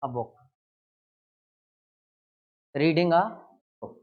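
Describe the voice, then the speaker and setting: A male teacher giving an exam-prep grammar lesson, asking questions and then answering them himself, with key words stressed loudly. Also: a little high, very slow, narrow, tinny audio.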